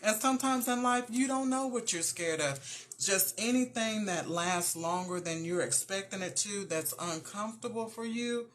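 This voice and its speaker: A woman hosting a show, giving an earnest, encouraging faith-based talk and speaking straight to her listeners. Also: mid-range voice. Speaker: motivational show host.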